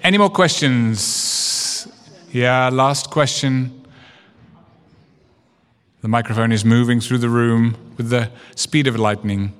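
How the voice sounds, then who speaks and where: A man's voice: mid-range voice, slow, pauses often, fairly bright tone, slight background noise. A man moderating a live panel discussion, upbeat and joking with the audience. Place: event hall with a live audience. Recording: reverberant hall with crowd.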